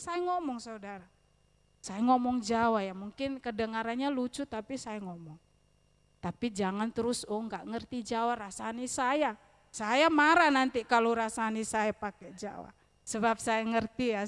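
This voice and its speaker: A woman evangelist giving a church sermon, lively, with loud rising questions and quiet asides. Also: on the high side. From eastern Indonesia. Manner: addresses listeners as "saudara", speaks with humor. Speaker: evangelist preacher. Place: church service.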